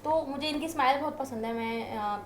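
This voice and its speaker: Talkative high-voiced woman guest. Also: moderate pace, echoey room, slight background noise. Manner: talkative, animated storytelling. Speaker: interview guest, wife. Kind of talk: casual interview chat.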